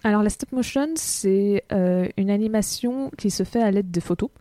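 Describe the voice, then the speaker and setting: Dark-voiced woman podcaster. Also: mid-range voice, moderate pace, dry recording. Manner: explains step by step with many fillers. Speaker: podcast co-host. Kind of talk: casual podcast chat.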